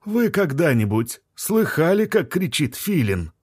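A man voicing an excitable middle-aged male biologist who runs a remote station, eager and exclamatory. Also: on the high side, unhurried, breathy edge, no room sound, clean studio sound, pitched above the performer's own voice, heavily acted. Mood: ominous teasing.

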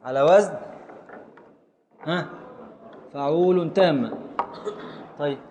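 An Egyptian man with a fairly high voice leads a class on poetic meter. He calls on students and sounds out syllables slowly. Faint room noise sits under the recording. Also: dark tone. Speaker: teacher. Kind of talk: Arabic prosody class.

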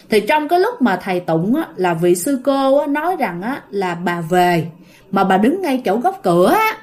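A woman telling a ghost story in a chatty, casual way, often talking straight to her listeners. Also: a little high. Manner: chatty, addresses listeners directly, animated when telling scary parts.

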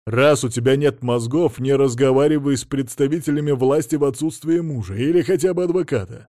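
Brief: man playing a short-tempered middle-aged husband, bullying, loud, heavy sarcasm. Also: medium pitch, brisk, no echo, clean studio sound, natural voice. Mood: lecturing. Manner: snapping, lecturing, shouting in bursts. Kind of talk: audiobook character voice.

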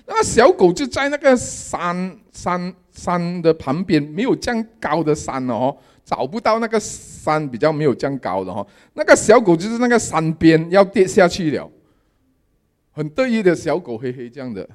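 A man giving a sermon testimony, telling his dreams in a lively storytelling manner with English words mixed in. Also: fairly high pitch, normal speed. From Malaysia. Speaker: lay preacher.

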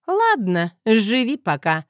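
A woman's voice: a little high, wildly swooping pitch, slow pace, no room sound, clean studio sound, heavily acted. A woman voicing a sly, teasing mother of a grown son in an audiobook, speaking in a mocking, playful way. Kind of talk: audiobook character voice.

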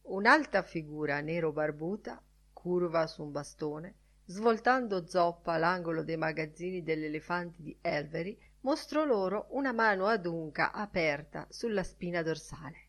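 A woman narrating a literary audiobook in a measured, even storytelling manner. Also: fairly low pitch.

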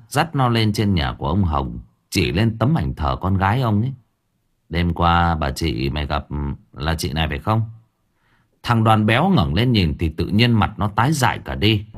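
Husky lively male audiobook narrator. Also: lowish voice, moderate pace. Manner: storytelling narration with varied intonation.

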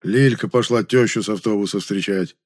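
A man voicing a hoarse, injured working-class man in a spoken audiobook story. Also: lowish voice, a little fast, lightly acted. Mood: complaining. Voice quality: hoarse, wheezing.

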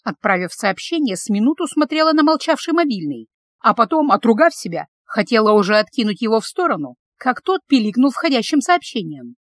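A woman narrating an emotional story in an expressive reading voice. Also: fairly high pitch, a little fast, no echo, studio quality. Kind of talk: scripted audiobook narration.

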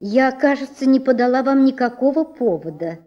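A woman's voice: high voice, expressive, normal speed, warm tone, dull audio, voice pushed up. A woman voicing a prim, easily offended female garter in a storybook, talking in an indignant way.

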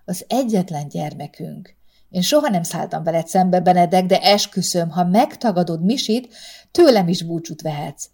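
Brief: female narrator doing a timid loyal wife, soft and pleading, storybook reading. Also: mid-range voice, lively intonation, lightly acted. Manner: gentle, pleading.

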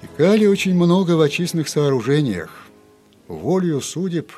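A man voicing a timid middle-aged man who blurts things out drily and haltingly. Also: a little high, very animated, warm tone, faint music behind, voice pushed up. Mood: dry blurting.

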